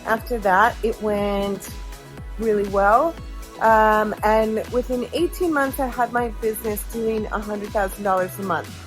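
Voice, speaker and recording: A woman from Chicago giving a relaxed testimonial about her business. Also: mid-range voice, measured pace, faint music behind. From Chicago, United States. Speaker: customer testimonial. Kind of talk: testimonial interview.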